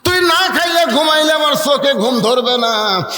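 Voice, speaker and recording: A male preacher voicing a sharp-tongued young wife who shouts and mocks. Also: extremely high pitch, expressive, normal speed, echoey room, in a large hall, pitched above the performer's own voice, full character voice. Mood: doting insistence. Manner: shouting, mocking.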